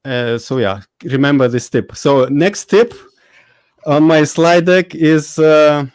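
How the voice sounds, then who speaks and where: A man's voice: fairly high pitch, fairly even intonation, takes it slowly, darkish tone, clean tone, no echo. A man with a Lithuanian accent hosting a live webinar, chatty and hesitant, with many fillers and laughs. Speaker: host. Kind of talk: casual live webinar chat.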